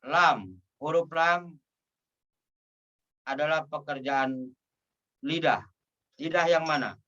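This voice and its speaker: A man teaching Quran recitation who patiently draws out each syllable and repeats it in a slow drill. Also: fairly high pitch, a bit bright, recorded from a distance, highs cut off. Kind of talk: slow pronunciation drill lesson.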